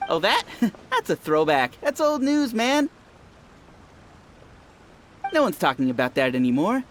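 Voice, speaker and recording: A man's voice: sits high, wildly swooping pitch, a little slow, fairly bright tone, slight background noise, heavily acted. A man playing a breezy, boastful young townsman in a video game, casual and dismissive in manner. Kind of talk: English game voice acting.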